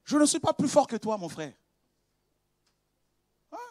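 High-voiced impassioned male preacher. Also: big pitch swings, a little slow, no echo, clean studio sound. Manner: impassioned, swings from quiet confiding to shouted exclamations; conversational, with laughs and repetitions. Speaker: pastor. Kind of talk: preaching a sermon.

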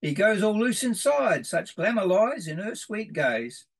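A man's voice: sits high, big pitch swings, unhurried, vocal fry, breathy edge, voice pushed up, exaggerated voice, poor audio. A man voicing a lovestruck young Australian larrikin bloke who talks in slang with a lilting, besotted manner.

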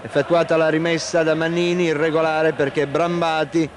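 A man commentates a football match live, in a fairly high, level voice. He names players in short, measured, factual phrases. The recording is an old television broadcast with clear stadium noise behind him. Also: little pitch movement. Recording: noisy old 1990 TV broadcast.

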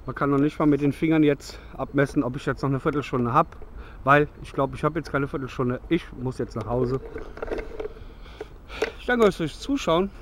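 Recorded close on a handheld camera in the woods at dusk, a man in his thirties, a bushcraft vlogger, chats and rambles through a casual gear demonstration, fixing his own mistakes along the way. He speaks at medium pitch and moderate pace, with slight hiss or hum.

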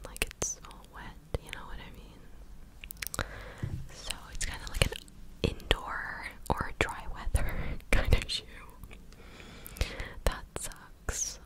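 A woman in her twenties chatting casually in a breathy, close-up ASMR whisper, right up at the microphone as if into the listener's ear. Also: low-quality recording. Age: 20s. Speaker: ASMR content creator. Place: living room indoors. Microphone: large USB microphone very close to the mouth.

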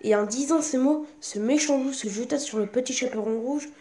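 A woman reading a classic fairy tale aloud as the storyteller, in a steady, careful way. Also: sits high, a little fast.

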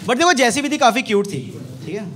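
A man's voice: extremely high pitch, brisk, very noisy. A young man doing a stand-up set in a small comedy club, handheld mic, telling mocking stories with lots of energy. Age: young adult. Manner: animated, mocking storytelling. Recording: live club set with loud audience laughter.

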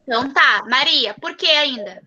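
High bright-voiced teacher coaxing small children. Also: female voice, lively intonation, highs cut off, a little hiss or hum. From southern Brazil. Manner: affectionate, coaxing, drawn-out emphasis on syllables. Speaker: primary school teacher. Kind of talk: online class with young children. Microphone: video call.

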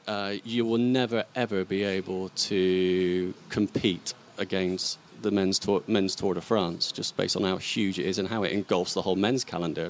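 A man with a fairly low voice speaks in a measured, thoughtful way, pausing and restarting as he works through an argument. He talks as a guest in a relaxed podcast discussion, with faint background noise. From Britain. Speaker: sports agency guest.

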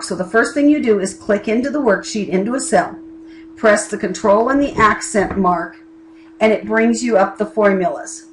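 A middle-aged woman teaches her college class by video for a recorded lesson, seated at a home desk with a keyboard and lamp and a camera over it. Chatty and plain-spoken, she drops in asides, her voice at medium pitch. The audio is poor, with slight background noise.

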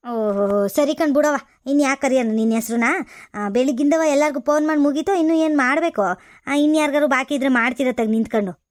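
A woman playing a sharp-tongued older village mother-in-law who scolds and nags with sarcasm, in a comedy skit. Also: high voice, quick pace, lightly acted. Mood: scolding.

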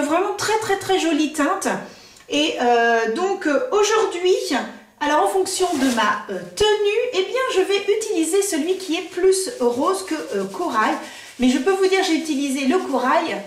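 A woman's voice: high-pitched, echoey room, distant mic. A woman vlogger chatting enthusiastically through a makeup tutorial, with lots of fillers.

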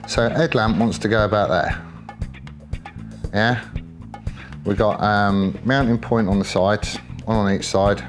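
A low-pitched Englishman presents a motorcycle build in his workshop. His off-the-cuff commentary is chatty and colloquial, and he thinks out loud as he goes.

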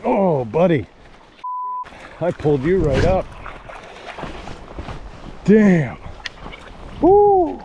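His voice sits high, and he talks very slowly with frequent pauses, in lo-fi audio with background noise. An American man in his thirties, he films himself fly fishing outdoors on a river using a body-worn action camera, excitedly exclaiming at every strike and talking to the fish as he casually comments.

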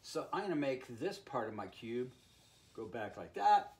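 An older man in his sixties with a mid-pitched voice teaches drawing in an informal, playful way. He talks like a folksy art teacher addressing kids, tossing in sound effects as he works. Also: sing-song, normal speed, a little mellow. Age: 60s. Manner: playful, folksy, with sound words like boom and bing-bang. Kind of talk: informal instructional talk while drawing. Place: indoor room with art on the wall.

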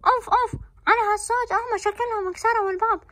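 A woman's voice: very high voice, fairly even intonation, rapid-fire, fairly bright tone. A woman playing a fearful middle-aged mother in a family drama, full of anxious exclamations.

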